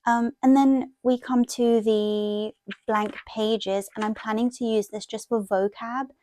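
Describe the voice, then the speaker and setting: Here the same vlogger's voice sits on the high side with a dark tone, fairly even intonation and a measured pace. A woman of half Thai, half Italian background who first spoke Thai, she rambles casually as she shows viewers something in a relaxed show-and-tell about planning and journaling.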